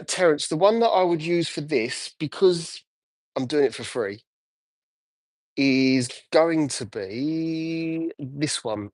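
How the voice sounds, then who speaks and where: A man's voice: medium pitch, a little mellow, dry recording. Guy washing a car live, chatting to viewers, dry close sound, sometimes drifts off mic. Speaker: car detailer live-streaming. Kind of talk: casual live-stream chat while working.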